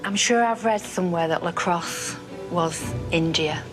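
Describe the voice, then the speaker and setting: Woman on a quiz show, unsure, hedging everything, music clearly behind. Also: on the low side, unhurried. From Manchester, England. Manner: tentative, hedging guesses. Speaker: quiz contestant. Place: TV studio.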